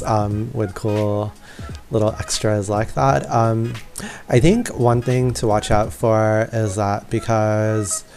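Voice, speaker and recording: With a lowish, darkish voice, this man narrates a relaxed video game walkthrough for his channel. He's informal, apologetic, and pokes fun at himself.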